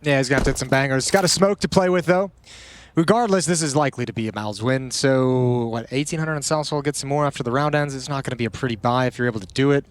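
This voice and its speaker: A man's voice: medium pitch, fast. A man giving live esports colour commentary on a headset, analytical and chatty, breaking down plays and economy. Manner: analytical, chatty, laughs easily. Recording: game sound effects behind the voice. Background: game sound effects.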